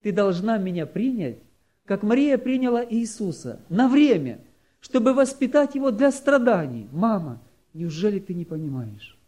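Man voicing a calm, earnest young conscript. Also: sits high, normal speed.

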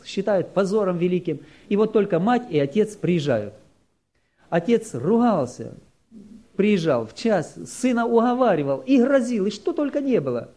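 A man preaching, telling a church testimony in a measured, narrative way. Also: sits high, dark tone. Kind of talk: sermon testimony storytelling.

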